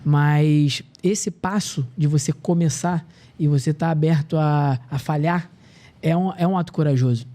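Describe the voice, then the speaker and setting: Man, thirties, podcast guest, very dark mellow tone, slightly high pitch, earnest storyteller. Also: steady tone, measured pace. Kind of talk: casual podcast conversation.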